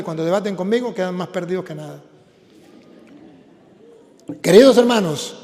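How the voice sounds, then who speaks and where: Priest, forceful repetitive preaching, high voice in a reverberant church. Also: male voice. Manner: emphatic, repeats lines for the congregation. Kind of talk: sermon.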